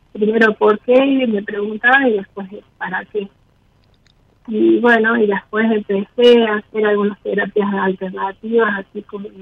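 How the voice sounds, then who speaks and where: A woman calls in through a wireless headset that turns her voice thin, tinny and distorted. She talks slowly and hesitantly, with a gravelly edge. The sound is dry and close. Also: medium pitch, no room sound. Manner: hesitant, soft-spoken, with many fillers. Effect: distorted wireless headset on a phone call. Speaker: caller. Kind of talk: call-in conversation. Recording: distorted phone-line headset audio.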